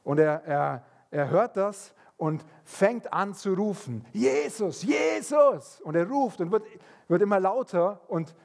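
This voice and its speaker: A man preaching a sermon, telling stories in a lively way and acting out the voices of people in them. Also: sits high, measured pace. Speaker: pastor.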